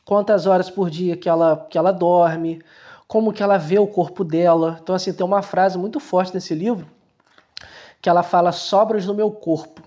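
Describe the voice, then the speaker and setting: A man's voice: high-pitched, steady tone, moderate pace, dark tone, muffled recording. A man with a Brazilian Portuguese accent, giving casual book commentary and talking straight to the viewer in a colloquial way, with many restarts.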